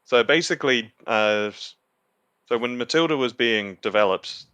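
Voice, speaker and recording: A man's voice: mid-range voice, moderate pace, bright, forceful tone, smooth, no echo. A man presenting on a podcast in casual, loosely phrased explanatory chat.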